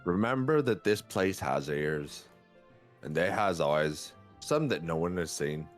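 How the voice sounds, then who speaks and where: A stern fey woman warns the party in a deep, slow, grave voice, as a man puts her on. Her tone rises and falls widely, and faint music plays behind her. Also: animated. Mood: stern warning. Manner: slow, low and solemn.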